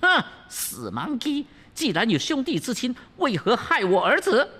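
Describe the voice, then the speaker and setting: 铁扇公主, a shrill furious princess. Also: wildly swooping pitch, measured pace, sharp tone, husky, full character voice. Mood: scornful. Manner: shrieking taunts, mixing in English insults. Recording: long hall reverb, faint ambience.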